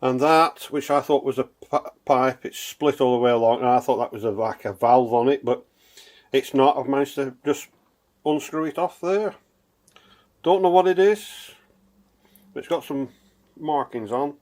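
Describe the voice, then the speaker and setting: A man's voice: medium pitch, moderate pace, dry recording. A man with a Northern English accent giving casual outdoor vlog commentary, raising his voice over the wind. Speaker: vlogger. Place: outdoors by a river. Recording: windy outdoor recording, loud wind noise. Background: wind noise.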